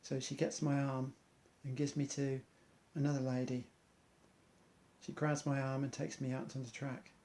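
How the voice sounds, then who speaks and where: A man's voice: medium pitch, level tone, normal speed, mellow. A man, an amateur athlete, earnestly reciting an inspirational monologue in loose rhymes.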